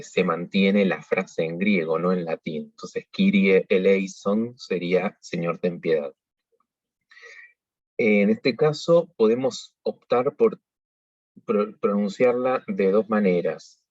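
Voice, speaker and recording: A man teaching pronunciation in a measured, explanatory way, pausing often to think. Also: on the low side, a little mellow, dry recording. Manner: measured, explanatory, with frequent hesitations. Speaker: liturgical singing workshop teacher. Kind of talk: pronunciation tutorial. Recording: dull lo-fi recording.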